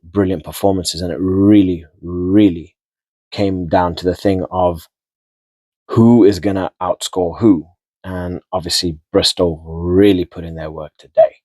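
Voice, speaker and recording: A man's voice: deep voice, dry recording. A man giving a casual, rambling rugby match recap, repeating and restarting words as he goes. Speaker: rugby vlogger.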